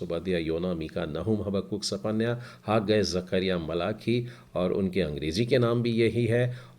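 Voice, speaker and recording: धीमी गहरी आवाज़ वाला पुरुष शिक्षक. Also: male voice, low voice, a little mellow. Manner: spells out letters and vowel marks one by one. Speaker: Hebrew language teacher. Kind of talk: slow explanatory lesson.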